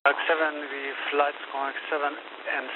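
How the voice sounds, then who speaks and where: A man gives clipped taxi dispatch calls as a tower controller. His fairly high voice comes over a tinny, narrowband radio with clear static. He is terse and procedural. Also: little pitch movement, normal speed. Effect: aviation radio. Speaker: air traffic tower controller.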